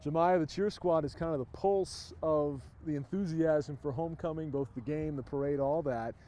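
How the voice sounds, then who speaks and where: A man working as a TV sports reporter, interviewing people outdoors at a high school event with an energetic, polished broadcast delivery. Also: moderate pace. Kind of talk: upbeat on-location TV interview.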